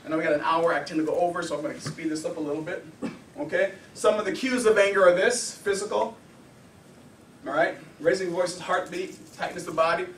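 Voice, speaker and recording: A fairly high-voiced man gives an informal anger management class, lively and chatty, acting out the lines of the people he quotes. He is recorded from across an echoey room, and a faint hum of background ambience sits under his voice. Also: a little fast, distant mic. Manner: animated, conversational, acts out quotes.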